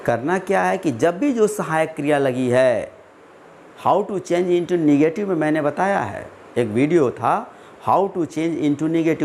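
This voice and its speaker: Man, grammar teacher, slow deliberate delivery, slightly high voice, faint background hiss. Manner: slow, deliberate, asks and answers his own questions; stretches out English example words. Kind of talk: classroom-style grammar lesson.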